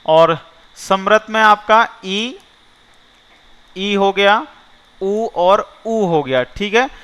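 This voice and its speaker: A man's voice: high-pitched, a bit bright, smooth. A male teacher going through a mock exam. He reads each question aloud, quizzes the listeners, and then gives the answer himself. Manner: repeats each question and asks listeners before giving the answer; slows down to spell out options, speeds up when asking. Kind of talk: mock test walkthrough lesson.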